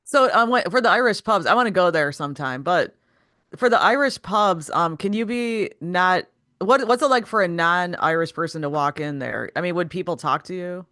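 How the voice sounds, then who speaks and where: A woman's voice: lowish voice, animated, moderate pace, sharp tone, no room sound, studio quality. A woman interviewing a guest in a casual chat, asking rambling questions that she corrects midway.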